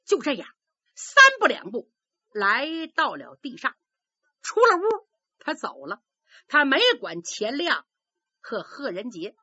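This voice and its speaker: A woman's voice: fairly high pitch, very animated, measured pace, long pauses, bright, forceful tone, slightly rough, no room sound, dull audio. A woman telling a traditional story vividly, acting out sound effects with her voice.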